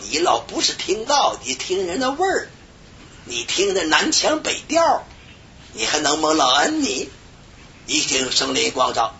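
A man preaching a sermon, telling a personal story with sudden shouted bursts. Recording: dull lo-fi recording with faint rumble.

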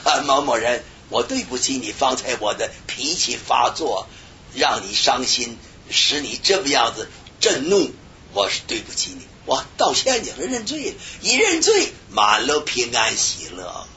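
A man preaching a sermon, telling a personal story with sudden shouted bursts. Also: big pitch swings, a little slow. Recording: dull lo-fi recording with faint rumble.

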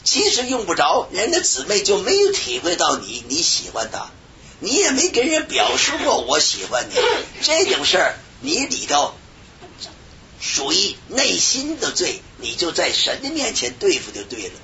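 A man preaching a sermon, telling a personal story with sudden shouted bursts. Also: huge pitch swings, moderate pace. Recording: dull lo-fi recording with faint rumble.

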